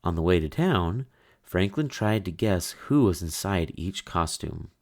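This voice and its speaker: A man with a deep voice reads a children's picture book aloud. He takes it slowly and lets his intonation rise and fall in a lively way. The delivery is expressive and storybook-like. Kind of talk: read-aloud storybook narration.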